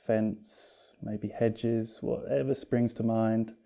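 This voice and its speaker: The speaker is a man with a fairly low, creaky voice leading a guided yoga meditation. He teaches in an unhurried, calm way, gently soothing and reassuring his listeners.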